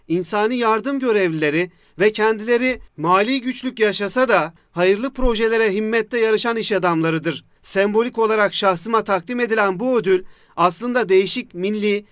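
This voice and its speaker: A man's voice: sits high, a bit bright, clean tone, dry recording, studio quality. A man gives a formal scripted reading of a written statement as a voice-over. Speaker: voice-over reader.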